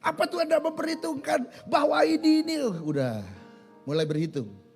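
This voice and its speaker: High-voiced animated preacher man. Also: moderate pace, soft background music. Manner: animated, asks the congregation questions and answers them himself. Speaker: pastor. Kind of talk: sermon. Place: church.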